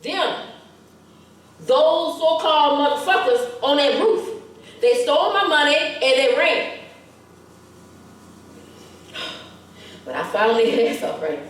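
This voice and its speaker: A woman's voice: sits high, big pitch swings, measured pace. A woman actor playing a furious, foul-mouthed New woman, delivering a scornful stage monologue. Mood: bitter. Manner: profane, scornful, emphatic. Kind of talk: theatrical monologue. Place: theater stage. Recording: echoey stage from a distant mic.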